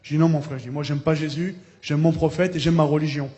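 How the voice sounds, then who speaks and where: A man giving a spoken testimony as a preacher, telling his story, acting out the people he quotes and breaking into loud praise. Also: a little high, steady tone, fast talker, highs cut off. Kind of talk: testimony sermon.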